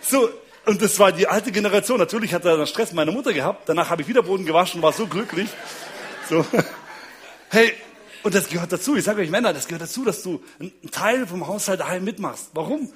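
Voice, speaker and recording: A speaker on marriage and relationships gives a humorous talk, sharing stories about his wife and kids, chuckling often and checking in with the audience. His voice is high, animated, and fast.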